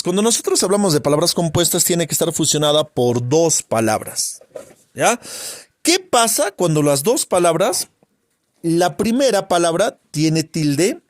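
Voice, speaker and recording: Animated male grammar teacher. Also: on the high side, no echo, studio quality. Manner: quizzing with rhetorical questions and "eh?" and "ve?" checks. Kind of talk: spelling lesson.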